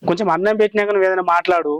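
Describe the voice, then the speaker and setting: A man's voice: sits high, steady tone, very fast, clean tone, no room sound, close to an everyday voice. A man, playing a hungry, henpecked village husband complaining to his wives. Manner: whining, complaining.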